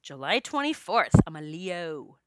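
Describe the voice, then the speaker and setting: A woman in her fifties who practises past life regression gives a casual spiritual monologue, chatting, joking and telling stories with quoted dialogue. Her voice is lowish, a bit bright and sing-song, a little slow, with a faint hiss or hum on the recording.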